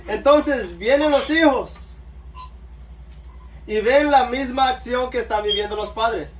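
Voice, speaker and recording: Delivering a sermon, a male preacher addresses the crowd as brothers and frequently calls out amen in reply to himself. He has a very high, fairly bright voice and speaks slowly, recorded from a distance in an echoey room with faint background noise.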